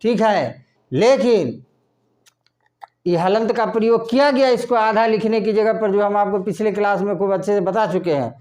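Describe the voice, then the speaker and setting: A man teaching a lesson in a slow classroom style, asking questions and then answering them himself. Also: high-pitched, a little mellow. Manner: asks questions and answers them himself, repeating words slowly.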